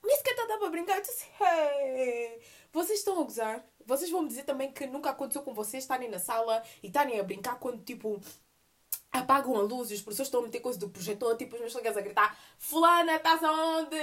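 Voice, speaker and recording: Woman host, high and lively voice, casual animated rant. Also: fast talker. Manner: animated, mixing Portuguese and English, laughing asides. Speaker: podcast host. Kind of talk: casual monologue.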